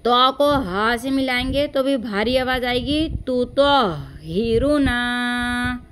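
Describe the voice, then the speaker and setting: A woman teaches recitation with patient, corrective care. She draws each phrase out very slowly and then explains it, in a voice pitched a touch high. Faint noise sits under the recording. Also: a bit bright. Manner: patient, corrective, says "theek hai" often. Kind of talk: recitation lesson, slow recited phrases between quick explanations.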